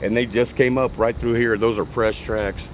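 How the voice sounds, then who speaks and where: A man's voice: mid-range voice, fairly even intonation, moderate pace, background noise. A man guiding a night patrol, chatting casually and bluntly on a handheld camera outdoors. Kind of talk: casual field chat. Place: outdoors at night in riverside brush. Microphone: handheld camera mic.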